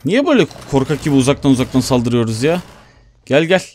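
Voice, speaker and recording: A man giving Let's Play commentary, chatting to himself as he plays and bursting into excited shouts. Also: medium pitch, racing, a little hiss or hum. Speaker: gaming YouTuber.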